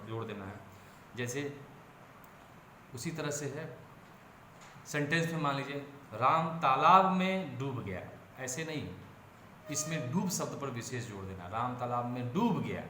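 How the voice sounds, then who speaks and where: A man from India lectures on teaching methods, explaining patiently, restarting phrases and leaning on example words to show stress. His voice sits at a middle pitch. It was recorded in an echoey space with a faint ambient hum underneath. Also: a bit bright. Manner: explanatory, repeats and self-corrects, stresses example words aloud. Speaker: education lecturer. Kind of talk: classroom-style lecture. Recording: roomy echo, faint ambience.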